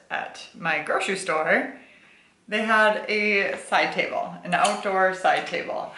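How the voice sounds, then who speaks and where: A woman's voice: medium pitch, bright, forceful tone, roomy sound, a little hiss or hum. A bubbly, chatty young woman vlogging casually about her reading, with slangy asides. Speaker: book vlogger. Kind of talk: casual vlog chat. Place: home, indoors.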